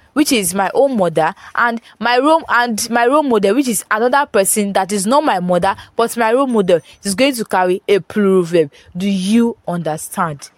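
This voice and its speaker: A woman gives a grammar lesson in a phone voice note, with no echo. She goes over points more than once and asks "Do you understand?", and her pitch rises when she stresses contrasts.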